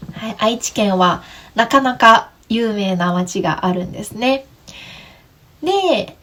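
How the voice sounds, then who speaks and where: A woman from Nagoya with a Nagoya dialect accent, teaching Japanese on a podcast in a friendly, step-by-step way and asking her listeners questions. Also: on the high side. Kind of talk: podcast lesson for learners.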